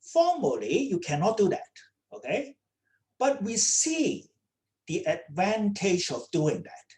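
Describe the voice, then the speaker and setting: Slow-spoken woman lecturing with many "okay?"s. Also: medium pitch, wildly swooping pitch, a little mellow. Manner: checks in with students often, repeating "okay?". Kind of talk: online lecture. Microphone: computer mic on a video call.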